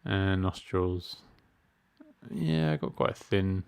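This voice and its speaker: In a deep, dark, clear and resonant voice, a middle-aged streamer talks slowly and in a monotone. Still, his let's-play chatter is casual and self-mocking, with game menu options read out loud.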